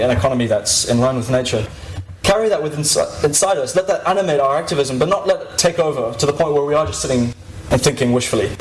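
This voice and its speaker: A 21-year-old activist gives an informal, reflective speech from a podium before a live audience, with some hesitancy. His voice is mid-range, and the poor audio sounds roomy with slight background noise.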